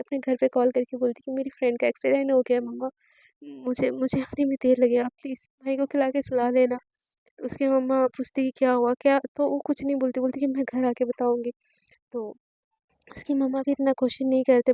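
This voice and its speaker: A woman tells a story in a casual, chatty way, full of fillers and mixed-in English words. Her voice is high, mellow and fairly flat in tone, and the recording sounds close and dry. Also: no echo, poor audio.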